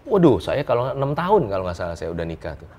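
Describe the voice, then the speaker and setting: A man, a business coach telling personal stories in a casual interview, lively and joking, chuckling often and mixing in English words. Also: fairly low pitch, racing. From Indonesia.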